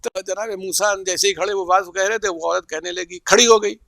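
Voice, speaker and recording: A man delivering a religious sermon, telling stories and voicing the figures in them with sudden loud rises. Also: high-pitched, steady tone, vocal fry, no echo, studio quality. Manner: storytelling, acts out quoted figures with loud rises. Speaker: religious speaker. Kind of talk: Muharram majlis sermon.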